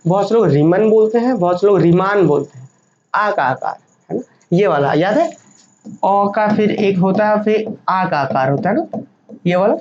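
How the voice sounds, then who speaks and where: A woman's voice: medium pitch, darkish tone. A woman teaching a maths lecture, patient and repeating each point, mixing English terms into her talk. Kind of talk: classroom lecture. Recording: dull lo-fi sound with faint noise.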